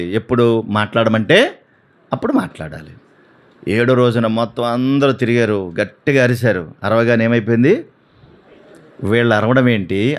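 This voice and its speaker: A man preaching a sermon, animated, acting out voices and asking the congregation questions. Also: mid-range voice.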